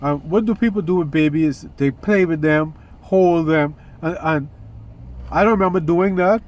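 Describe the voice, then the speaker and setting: A man's voice: a little high, normal speed, a little mellow. A man hosting a casual spiritual vlog, talking in a rambling way with many restarts and occasional yawns. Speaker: vlog host.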